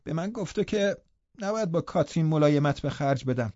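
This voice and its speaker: A man doing a soft, sulky sickly boy. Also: on the high side, animated, no echo, muffled recording, voice pushed up, lightly acted. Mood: sullen. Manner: quiet, sulky, mumbling. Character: sickly spoiled boy, sullen and soft-voiced.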